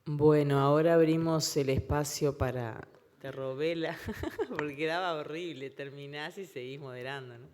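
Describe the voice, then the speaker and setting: A man's voice: a little high, moderate pace, darkish tone. A man informally moderating a public event in a joking, casual way. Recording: echoey hall with faint noise.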